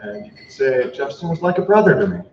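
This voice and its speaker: A man's voice: medium pitch, sing-song, quick pace, a crowd in the background. A young man giving a memorial speech, telling childhood stories with light humor, then reading a passage earnestly, sometimes stumbling over words. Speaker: eulogist at a memorial. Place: memorial service hall. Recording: echoey, distant, dull room recording.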